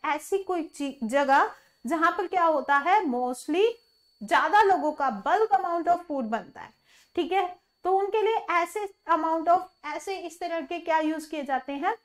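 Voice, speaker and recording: A woman teaching an online vocabulary lesson, mixing Hindi with English words, who keeps asking the viewer questions and then answers them herself. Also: sits high.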